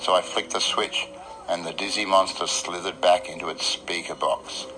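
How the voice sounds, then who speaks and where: An Australian man delivers a dramatic first-person radio narration in a wry, literary beat-poet storytelling style, with electric guitar music behind him. His voice is low, his intonation fairly even and his pace moderate, though the recording is rough.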